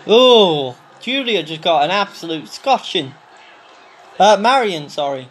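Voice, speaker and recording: A man giving casual, excitable commentary over a video game, exclaiming loudly at the action. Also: high-pitched, unhurried, a little hiss or hum. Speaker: gameplay commentator. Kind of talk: casual let's-play commentary.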